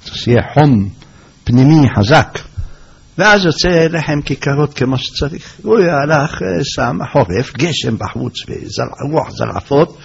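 A man telling an oral folk tale in a lively way, acting out the characters' lines. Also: medium pitch, creaky, slight background noise. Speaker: storyteller. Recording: dull lo-fi recording.

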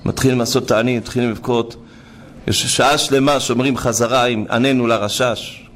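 A man preaching a fervent religious sermon, urging his listeners to cry out and often rising to shouts. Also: mid-range voice, steady tone. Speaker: rabbi preacher.

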